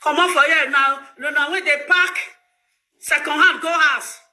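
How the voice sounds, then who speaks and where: A middle-aged Nigerian woman ranting to her viewers in pidgin, loud and laughing as she scolds. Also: high voice, fairly even intonation, moderate pace, echoey room. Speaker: social media host. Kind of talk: animated pidgin rant to viewers.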